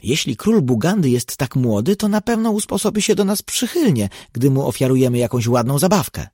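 A man's voice: deep voice, a little fast, slightly rough, dry recording, studio quality, full character voice. A man reading an audiobook, voicing an eager young boy explorer in a raised voice. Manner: excited, eager questions.

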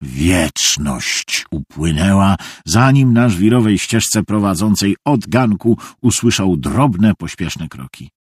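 Husky, expressive male storyteller. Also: deep voice, slow pace, hardly any pauses, no room sound, clean studio sound. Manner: expressive storytelling, acts out the scenes. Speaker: narrator. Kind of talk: scripted audiobook narration.

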